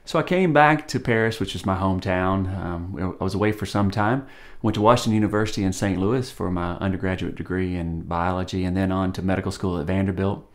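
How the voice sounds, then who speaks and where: A man, a surgeon talking in a measured way to camera in a studio, with frequent ums and uhs. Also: low-pitched. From Tennessee, USA. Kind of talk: on-camera promotional interview. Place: studio with plain grey backdrop.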